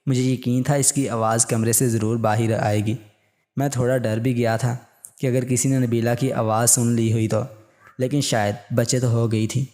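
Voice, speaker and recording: A man narrating a written story in a calm, steady reading voice. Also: medium pitch.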